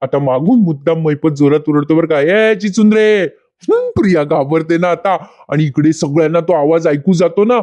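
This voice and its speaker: A man's voice: on the high side, fairly even intonation, a little fast, hardly any pauses, mellow. Man casually retelling a TV episode. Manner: addresses viewers directly. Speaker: serial recap narrator.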